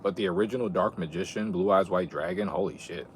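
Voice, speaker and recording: A young adult male streamer chats casually on a livestream, reminiscing in a laid-back, slangy, rambling way with some swearing. He has a low voice and talks fast, and background noise is clearly audible.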